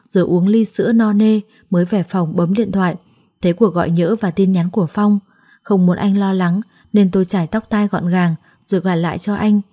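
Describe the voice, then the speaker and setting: A woman's voice: medium pitch, dark tone. A woman storyteller reading a dramatic story aloud and voicing every character herself. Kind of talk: scripted narration of a drama story.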